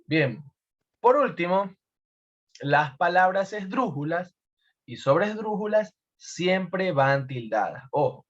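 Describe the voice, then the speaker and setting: A man's voice: a little high, muffled recording. A male teacher from Ecuador giving a recorded lesson, explaining step by step and repeating key points with emphasis.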